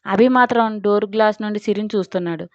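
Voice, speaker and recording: A woman narrating a romantic audio story in a steady, dramatic reading style. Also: medium pitch, fast, dry recording. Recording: dry, slightly dull recording.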